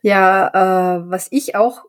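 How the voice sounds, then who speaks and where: Calm reflective woman podcaster. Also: medium pitch. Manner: calm, reflective, drawn-out phrasing with many "ja" fillers. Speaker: podcast co-host. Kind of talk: casual podcast conversation on mindfulness.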